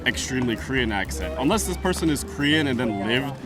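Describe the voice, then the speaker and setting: A man from Brooklyn rambles amiably through his street interview answers. His voice is at an ordinary male pitch. Music plays clearly behind him. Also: animated, fast talker. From Brooklyn, New York.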